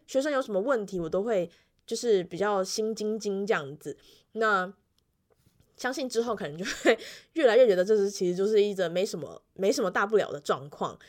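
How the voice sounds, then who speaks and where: Chatty young Taiwanese-accented woman. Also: mid-range voice. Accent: Taiwanese Mandarin. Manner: chatty, animated storytelling with frequent laughs and fillers. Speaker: elementary school music teacher. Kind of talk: casual weekly vlog storytelling.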